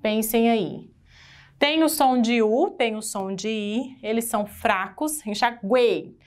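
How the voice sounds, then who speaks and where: A woman with a Brazilian Portuguese accent teaching an exam-prep grammar lesson in a lively way, asking the class questions as she goes. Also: fairly high pitch, slow pace.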